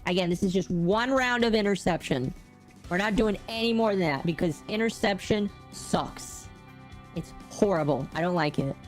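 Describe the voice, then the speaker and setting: A woman's voice: medium pitch, normal speed, faint music behind. A woman streaming a game, talking casually through a voice changer in a chatty, rambling way that often corrects itself. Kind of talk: casual live-stream chat.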